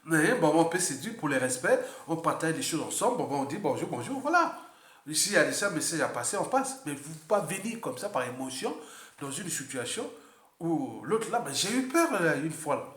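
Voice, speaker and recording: Male political commentator, Congolese French accent, animated and repetitive, slightly high-pitched, roomy echo. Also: brisk. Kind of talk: unscripted political monologue.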